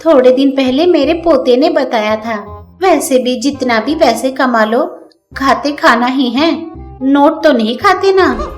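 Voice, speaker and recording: A plain-spoken old peanut seller, a grandmother in a cartoon story. She sounds a little high and answers back in a blunt, folksy way. Soft music runs behind her. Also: a little slow. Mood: teasing.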